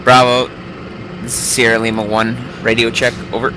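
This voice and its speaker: Male commander for military radio traffic, formal and monotone, crackly noisy voice link. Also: mid-range voice, normal speed. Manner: clipped, formal call-sign phrasing. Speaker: commander player in online military simulation.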